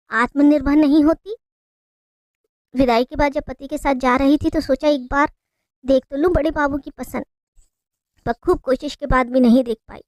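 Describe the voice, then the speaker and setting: A woman narrating a heartfelt family story in the first person, in a plaintive, expressive way. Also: high-pitched, no room sound.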